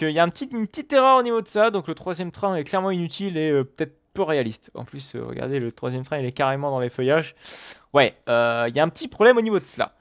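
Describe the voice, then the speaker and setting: Chatty man with a fairly high voice. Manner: chatty, playful asides, thinking aloud. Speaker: video game commentator. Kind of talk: casual gameplay commentary.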